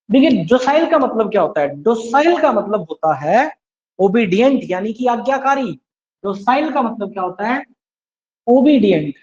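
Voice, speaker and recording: Male online tutor, high-pitched, drills words by call and response, muffled recording. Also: a little mellow. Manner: drills students with repeated questions and answers; mixes English words into Hindi explanations. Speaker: English vocabulary teacher. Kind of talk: online exam-prep class.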